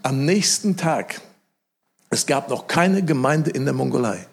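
Husky German-speaking male preacher. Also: mid-range voice, a little slow. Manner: animated storytelling, acts out quoted voices loudly; emphatic repetition. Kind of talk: sermon.

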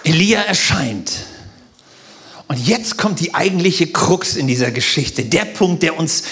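A man preaching a sermon as a pastor, telling stories with animated, loud bursts. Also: on the high side, unhurried.

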